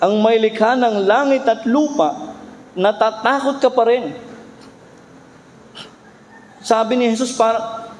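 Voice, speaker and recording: Animated pastor preaching. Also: male voice, sits high. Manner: emphatic, animated preaching with rhetorical questions. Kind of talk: sermon. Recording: reverberant hall with faint hum.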